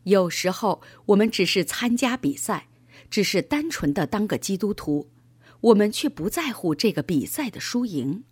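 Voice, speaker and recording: A woman voicing a gentle, patient father explaining things to his son in a children's story. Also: mid-range voice, very animated, normal speed, husky, no echo. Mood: calm.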